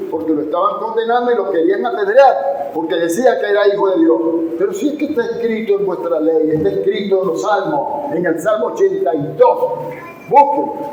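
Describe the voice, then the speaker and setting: A male preacher delivering an emphatic sermon and prayer, rising to shouts at climaxes and slowing down for stress. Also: sits high. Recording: echoey room, faint noise.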